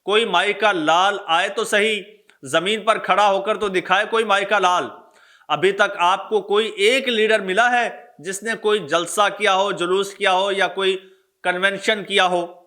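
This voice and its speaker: Addressing his audience as a political news vlogger, a man with a Pakistani accent speaks forcefully and repeats himself for emphasis. He has a high voice that sounds pushed and bright, with fairly even intonation and no rush.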